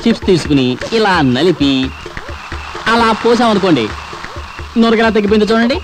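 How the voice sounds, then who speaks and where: A cheeky young joker. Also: male voice, sits high, animated, a little fast, background noise. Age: young adult. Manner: cocky, wisecracking storyteller. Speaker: friend's son visiting an older man. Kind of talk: film comedy scene.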